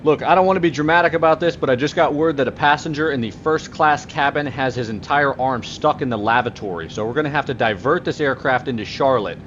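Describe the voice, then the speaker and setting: Quick man on a pilot headset mic. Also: medium pitch, fairly bright tone, muffled recording, a little hiss or hum. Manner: brisk, dry and joking, swears casually. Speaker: flight simulator streamer playing airline pilot. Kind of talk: cockpit radio calls and casual narration.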